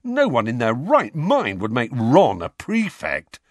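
A man's voice: medium pitch, wildly swooping pitch, a little slow, dry recording, clean studio sound. A man voicing a cheeky, teasing teenage boy twin in an audiobook, talking in a mocking, chatty way. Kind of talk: audiobook character voice.

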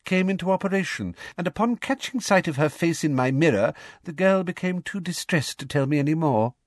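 A man voicing a smug female official in an audiobook, soft and condescending with a falsely kind manner. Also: fairly high pitch, lively intonation, a little fast, no echo, voice pushed up. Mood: smug, reporting. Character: silky, smug, sickly-sweet middle-aged female official.

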